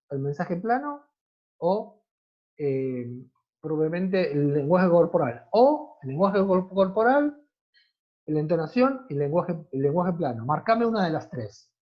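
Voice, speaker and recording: Argentine guy teaching a class over a call, kinda husky, dull lo-fi audio, keeps going "¿está?". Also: high voice. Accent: Argentine Spanish. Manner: checks in often and asks rhetorical questions. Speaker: university teacher. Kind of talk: online class lecture.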